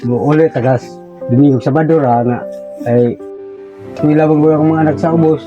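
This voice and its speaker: A soft-spoken man, giving short replies in a casual chat. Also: on the high side, steady tone, moderate pace. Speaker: local resident receiving aid. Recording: muffled audio under loud music.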